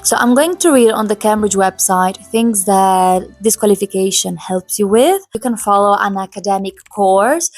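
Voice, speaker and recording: A woman in her twenties, a native speaker of Italian and Polish, hosts a casual vlog from her home in Poland, chatty, emphatic and personal. Her voice is medium-pitched, with no room sound.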